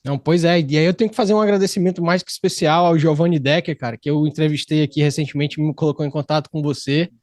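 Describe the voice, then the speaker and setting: A man from Brazil, hosting a podcast studio interview in an excited, slangy, rambling way. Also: fairly high pitch, quick pace, hardly any pauses, dry recording. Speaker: podcast host. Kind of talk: casual interview chat.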